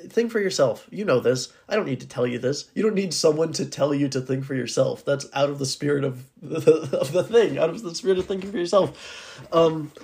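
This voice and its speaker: A man with a raspy, hoarse voice talking casually and earnestly as the solo host of a podcast. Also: a little high, darkish tone. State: hoarse, needing to clear his throat.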